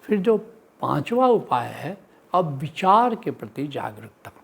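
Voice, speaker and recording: A man giving a spiritual discourse as a teacher, listing points in a teaching cadence and chanting the sayings of saints in a slow sing-song. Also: fairly high pitch, sing-song, creaky, breathy edge. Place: live teaching session.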